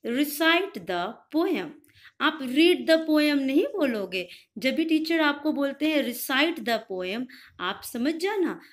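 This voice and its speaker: Woman, children's English teacher, a bit high-pitched, slow patient drilling and repetition. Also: a bit bright. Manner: slow, drilled repetition of English phrases with frequent "clear?" checks. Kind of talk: spoken English lesson for children.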